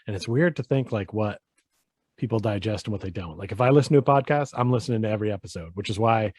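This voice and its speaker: A man's voice: fairly low pitch, fast talker, a little mellow, slightly rough, no echo, clean studio sound. A man hosting a podcast over a video call, chatting loosely with frequent restarts. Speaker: podcast host. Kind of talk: casual chat.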